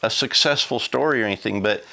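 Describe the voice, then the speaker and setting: A man hosting a casual round-table recap, talking in an easygoing, relaxed way. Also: on the low side, fast, creaky. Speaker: host.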